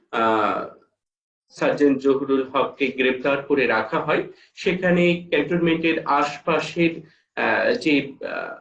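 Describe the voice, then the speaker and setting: A male teacher giving a lecture on a poem, speaking with a Bangladeshi Bengali accent and pausing often on long "ah" fillers. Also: on the high side. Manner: slow, halting, with frequent drawn-out "ah" pauses; reads quoted letters aloud. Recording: echoey room, far mic, dull lo-fi sound.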